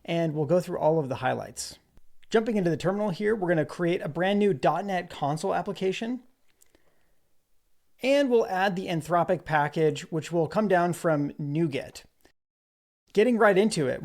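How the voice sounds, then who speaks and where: A man giving a relaxed screen-recorded coding walkthrough, narrating as he types. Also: high-pitched, creaky. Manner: relaxed explanatory, narrates while typing. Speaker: developer presenter.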